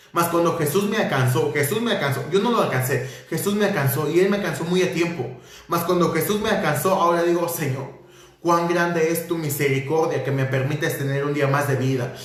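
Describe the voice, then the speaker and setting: A man preaching a fervent sermon as pastor, repeating phrases and reading scripture aloud. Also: high-pitched. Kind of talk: livestreamed sermon. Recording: very echoey room.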